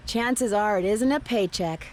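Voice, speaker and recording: A woman's voice: medium pitch, a little slow, a little mellow, slight background noise, natural voice. An actress voicing a curious young woman detective with a dry, sarcastic edge. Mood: inquisitive. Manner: inquisitive, dryly sarcastic. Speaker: game protagonist. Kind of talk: video game voice acting.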